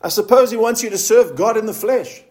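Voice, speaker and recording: A male preacher giving a sermon. He asks the congregation questions and drops low and slow when he reads scripture aloud. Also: a little mellow. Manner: slows down to read scripture in a low, solemn voice.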